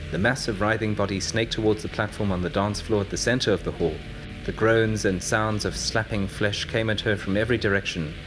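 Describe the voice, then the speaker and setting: A man narrating an audiobook story in a steady, measured way. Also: fairly low pitch. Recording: narration over loud music.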